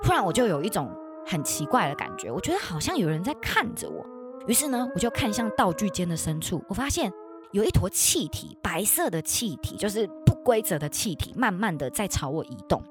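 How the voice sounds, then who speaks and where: Young taiwanese woman telling ghost stories at home, super lively up-and-down voice, soft music behind. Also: brisk. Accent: Taiwanese Mandarin. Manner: animated, dramatic swings into high excited exclamations. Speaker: podcast host. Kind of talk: casual storytelling. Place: her bedroom at home.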